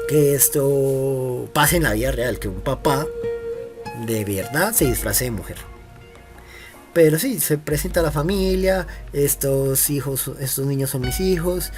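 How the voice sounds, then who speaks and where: A man giving a casual film commentary, retelling the plot in a meandering, halting way with frequent restarts. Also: fairly high pitch. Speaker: film reviewer.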